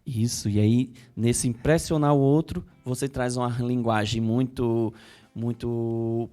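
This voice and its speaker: A man's voice: medium pitch, steady tone, a little slow, dark tone. A man with a Brazilian Portuguese accent, a psychologist explaining things in an interview, often repeating words as he thinks and acting out inner thoughts. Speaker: psychologist guest. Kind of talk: conversational interview.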